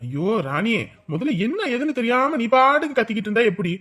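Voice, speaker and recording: A man's voice: very high voice, sing-song, fast talker, fairly bright tone, full character voice. An actor playing a husband who defends himself, exasperated, to his wife. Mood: defensive. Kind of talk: family drama acting.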